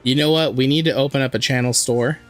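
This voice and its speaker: Hoarse man chatting on a game stream. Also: medium pitch, fairly even intonation, fast, soft background music. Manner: chatty, joking, reads and answers chat. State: hoarse from a sore throat. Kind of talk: casual live-stream chat while playing.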